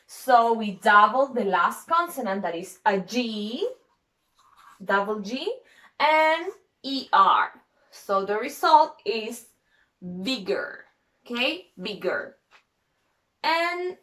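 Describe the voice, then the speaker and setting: A woman's voice: on the high side, bright, forceful tone. A woman teaching an English grammar lesson, spelling out letters one at a time and checking in with "okay?" after nearly every phrase.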